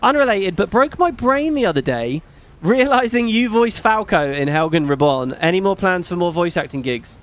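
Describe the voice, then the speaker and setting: On his live stream, a middle-aged British-accented man chats casually in a fairly high, non-macho voice. He's very animated, speaks at normal speed, rambles, and swears casually.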